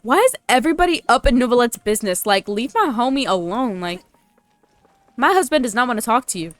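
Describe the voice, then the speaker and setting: Playful and teasing, a young streamer offers slangy, casual commentary on a story game and reads its dialogue aloud. Her voice sits on the high side, animated and fairly quick, with no echo and faint music behind.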